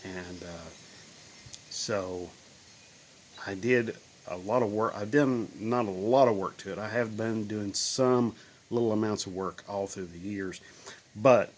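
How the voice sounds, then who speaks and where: This is a casual walkthrough vlog from a cluttered home garage, where a man in his fifties talks about his old car into a phone held at arm's length. His lowish voice is a little nasal because he has bronchitis, and he speaks at a measured pace with long pauses, rambling in a folksy way with many ums and restarts.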